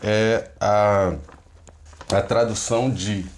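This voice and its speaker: A man's voice: lowish voice, fairly even intonation, slow, slight background noise. Patient man teaching step by step. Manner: patient, explains step by step, checks in with "ok?" and "tá?". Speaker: pastor teaching biblical Hebrew. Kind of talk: recorded online lesson.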